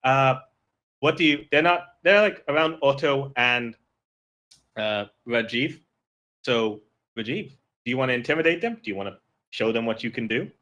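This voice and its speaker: A man narrating and running a tabletop role-playing game as game master, casual and quick. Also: medium pitch, lively intonation, pushed and bright. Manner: quick, loose narration with voiced side characters.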